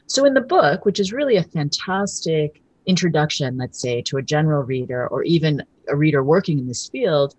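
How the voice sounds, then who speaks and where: A woman's voice: sits low, expressive, fairly quick, hardly any pauses, darkish tone, husky. A woman hosting a podcast, reading formal introductions and asking questions. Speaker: podcast host. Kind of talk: podcast interview.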